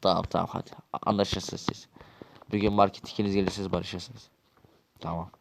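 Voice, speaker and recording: A man's voice: sits low, little pitch movement, brisk, gravelly, background noise. A man acting out a quarrelsome, swearing Minecraft role-play dialogue.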